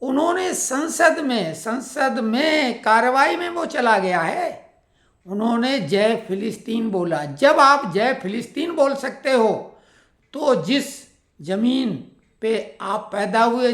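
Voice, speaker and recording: A woman delivering an opinionated monologue as a political commentator, building her points through a string of pointed rhetorical questions. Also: a little high. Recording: roomy echo.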